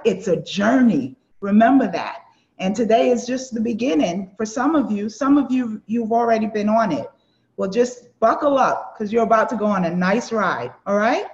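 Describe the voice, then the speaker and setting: A woman's voice: fairly high pitch, animated, normal speed, roomy sound, lo-fi sound. A woman chef instructor from Barbados with a Barbadian and Brooklyn accent, introducing herself to an online class in an upbeat, encouraging way.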